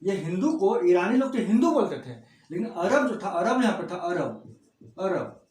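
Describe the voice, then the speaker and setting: A man's voice: high voice, sing-song, moderate pace, a little mellow. A man teaching a class, repeating key words and asking rhetorical questions. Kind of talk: classroom lecture. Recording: echoey room.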